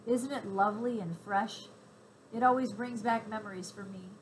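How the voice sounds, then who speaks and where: A woman reading aloud, voicing a calm, gentle mother speaking to her daughters. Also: mid-range voice, moderate pace, a little hiss or hum, natural voice, low-quality recording. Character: calm, warm mother of two girls.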